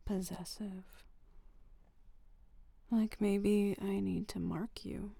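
A woman voicing a possessive, doting lover in an audio roleplay, murmuring in a slow, low-key half-whisper. The tone is dark and husky with a touch of fry. It is recorded close and dry, with no room sound. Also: no echo, heavily acted. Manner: slow, intimate half-whispering with soft giggles. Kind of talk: audio roleplay addressed to the listener.

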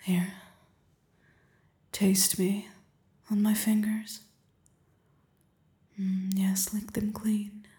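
Casting: an imperious, seductive queen played by a woman, flat, mellow, slow delivery with frequent whispers, roomy echo. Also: medium pitch. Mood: sultry, commanding. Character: commanding, seductive adult queen on her throne. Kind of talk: audio roleplay.

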